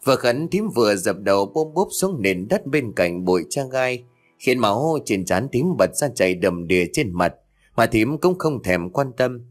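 A man narrating a horror audiobook with an expressive, dramatic delivery. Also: lowish voice.

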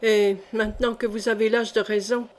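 A woman reading the lines of a serious, insistent Spanish gentleman in an audiobook. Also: fairly high pitch, little pitch movement, normal speed, lightly acted. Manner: grave and insistent.

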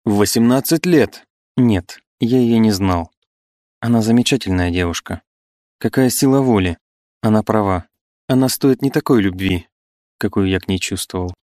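An eloquent young idealist, wavering and ashamed, who pleads in earnest and then turns on himself, voiced by a man in a low, dry read. The voice sits low and close. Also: normal speed, a little mellow, no room sound, close to an everyday voice. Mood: rueful.

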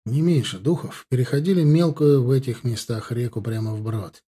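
Slightly rough and mid-range, a man's voice carries a first-person novel in audiobook form, delivered steadily and with measure.

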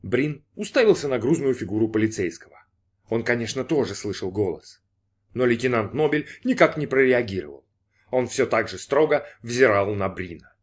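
Expressive male audiobook narrator. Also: mid-range voice, husky. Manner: expressive, measured storytelling.

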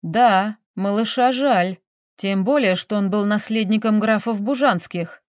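A dry, sarcastic male investigator in an audiobook, as a woman reader puts him on. He speaks slowly in a lecturing monotone. The recording is dry and close. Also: medium pitch, no echo, close to an everyday voice. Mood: stern.

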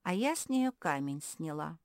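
A woman's voice: sits low, very animated, normal speed, a little mellow, no echo, clean studio sound. A woman voicing an eager, easily offended young female cat in a children's audiobook.

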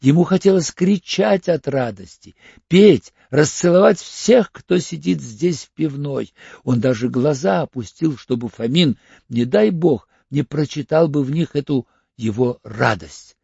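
A man narrates an audiobook in a measured, gravelly voice with a husky grain. His intonation rises and falls freely, and the recording is dry and muffled. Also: fairly high pitch, lively intonation, dark tone, no echo. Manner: measured storytelling. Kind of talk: scripted narration.

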